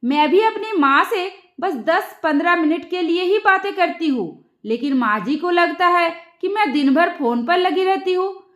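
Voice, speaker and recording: A crafty young daughter-in-law, put on by a woman narrator in a storybook telling. She talks in a sugary, falsely innocent way and keeps a quiet sting in her words. Her voice sits very high, and the room around it echoes. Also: lively intonation, unhurried, full character voice. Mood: teasing. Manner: feigned innocence, sweetly pointed. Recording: roomy echo.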